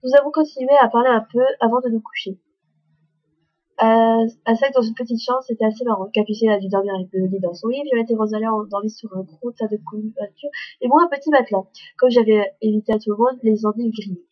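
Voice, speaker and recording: A woman reads a dating game aloud in a casual, self-mocking way, tripping over words and adding her own remarks. Her voice is a little high and breathy. The recording is muffled and lo-fi. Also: fast talker, dry recording. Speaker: fan dubber reading a visual novel. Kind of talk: reading game dialogue and narration aloud, with asides.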